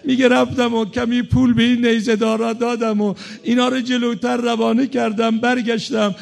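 A man's voice: very high-pitched, flat delivery, gravelly. A man preaching a religious sermon, telling a story dramatically, voicing the people in it and sliding into chanted lament.

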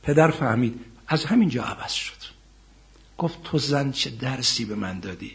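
A middle-aged man preaching a sermon, telling stories quietly and then rising to loud, impassioned emphasis, chanting scripture verses slowly. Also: medium pitch, lively intonation. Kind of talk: sermon with storytelling.

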